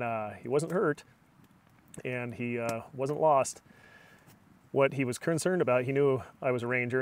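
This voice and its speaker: A middle-aged outdoor vlogger with a smooth, mid-range voice chats and tells relaxed stories inside a small tent at night on a camping vlog. He's recorded first by a camera on a tripod, then by a phone held close at arm's length.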